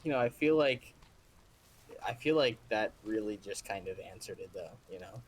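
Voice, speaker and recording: A man talking quickly as a guest on a live stream, his sentences trailing off softly. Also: lowish voice, lively intonation, heavy background noise. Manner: talks fast, trailing off softly. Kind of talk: casual chat.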